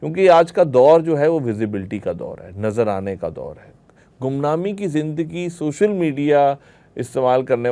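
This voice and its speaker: A man from Pakistan gives a religious lecture to a group, explaining his points through rhetorical questions and everyday examples. His voice is mid-range with a dark tone.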